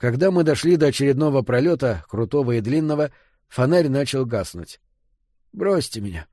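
A man narrates a first-person story in a steady, measured reading voice. His pitch sits in the middle range. The sound is dry and close, with no room echo. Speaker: audiobook narrator. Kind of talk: scripted narration.

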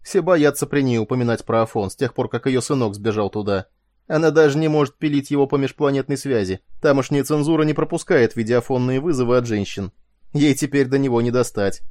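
A male narrator voicing a drugged, giggling man who is weak but cheeky, raising his voice high and loud. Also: fairly quick, no echo, clean studio sound, lightly acted. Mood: giggly.

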